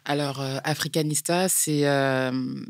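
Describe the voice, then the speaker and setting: A clothing brand founder from France, a woman with a French accent, answers interview questions as a guest, explaining step by step in a measured way and pausing often to find her words. Her voice is deep with a steady tone, recorded in studio quality with no room sound.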